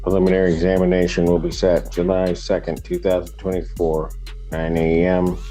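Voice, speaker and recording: A man's voice: low voice, completely flat delivery, normal speed, mellow, soft background music. A man serving as judge, patiently explaining a ruling step by step in a courtroom recording. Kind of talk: courtroom proceedings.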